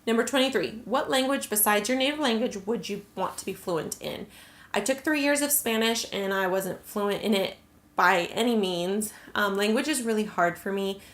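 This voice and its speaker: Answering questions to camera, a young American woman vlogger keeps things chatty, peppering her speech with "like" and "um." She speaks at normal speed in a mid-range voice, recorded in an echoey room.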